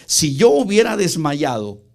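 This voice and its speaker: A middle-aged male pastor preaches in a church. His voice sits fairly high for a man, and he tells his story earnestly, acting out the dialogue and calling the congregation brother. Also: big pitch swings, unhurried, gravelly. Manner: earnest, retells dialogue, addresses listeners as brother. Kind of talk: sermon storytelling.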